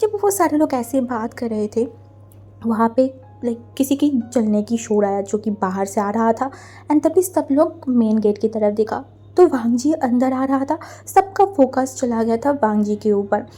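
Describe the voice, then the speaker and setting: A woman's voice: on the high side, expressive, measured pace, warm tone, faint music behind. A young university-student woman hosting a storytelling channel, chatting apologetically to her viewers and narrating a fan fiction story. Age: young adult. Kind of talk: casual fan-fiction reading.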